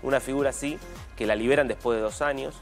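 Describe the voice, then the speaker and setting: An Argentine man on a news panel delivers emphatic, indignant commentary. His voice sits at an everyday middle pitch. Faint music plays behind him. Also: fast talker. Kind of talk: studio news discussion.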